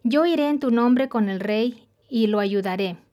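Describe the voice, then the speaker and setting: A woman's voice: fairly high pitch, unhurried, dark tone, close to an everyday voice. Storybook: a humble, pleading lame man, voiced by a woman. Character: lame man pleading loyalty to his king.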